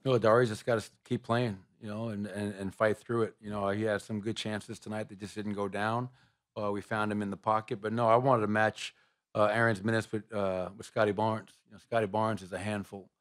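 A middle-aged basketball head coach with a low voice answers reporters at a postgame press conference, speaking into a table microphone in a press room before a sponsor backdrop. His delivery is flat, level, and measured, with frequent "uh" and "you know" between points.

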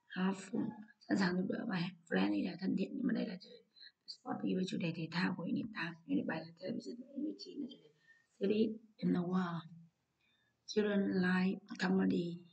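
A woman's voice: lowish voice, animated, moderate pace, creaky, pauses often, a little mellow, dull audio. A woman teacher with a Vietnamese accent, patiently going through an English exam paper and explaining each answer. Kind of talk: exam walkthrough lesson.

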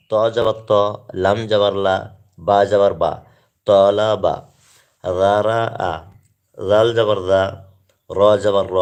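A man teaching Quran reading, reciting Arabic letters and syllables one by one in a slow, deliberate way, then calmly explaining to viewers. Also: lowish voice, clean tone.

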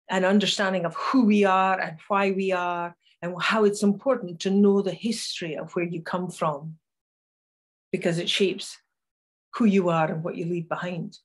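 A low-pitched Scottish woman with a Northeast Scottish Doric accent, from northeast Scotland, tells a story in an unhurried, reflective way with pauses. She's a conference speaker and storyteller giving a personal talk to camera from a curtained room at home.

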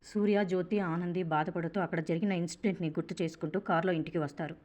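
A woman narrating a recap of a TV serial and voicing all the characters herself in a quick, running storytelling manner. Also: fairly low pitch, fairly even intonation, a little mellow. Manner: rapid, breathless storytelling with little change of voice between characters. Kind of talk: fast retelling of a TV serial, voicing every character.

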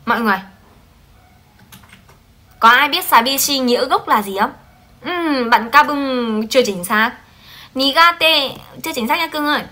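A woman teaching a Japanese translation class on a livestream, lively and coaxing, often checking in with her students. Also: high voice, moderate pace, pauses often.

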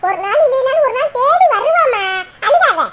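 Cartoon mom played by a woman: high-pitched, doting, lamenting, Kanyakumari Tamil. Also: lively intonation, moderate pace, fairly bright tone. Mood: soothing. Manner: soothing, lamenting. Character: doting, fretful middle-aged mother. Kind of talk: cartoon voice acting.

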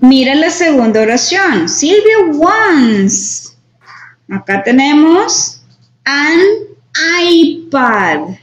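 A woman's voice: high-pitched, sing-song, slow pace. A woman teaching English grammar in a class, patient and repeating each point with "right?". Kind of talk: online class explanation. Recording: roomy, dull sound with faint noise.

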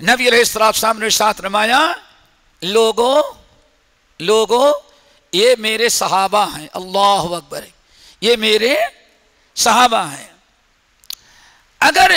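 A man preaching a sermon in a mosque, telling stories dramatically and swinging between whispers and shouts. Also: high voice. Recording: echoey hall reverb.

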